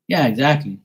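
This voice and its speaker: A man's voice: mid-range voice, breathy edge. A man from Bermuda with a Bermudian accent, talking in a blunt, profane, ranting way on a casual livestream. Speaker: livestream host.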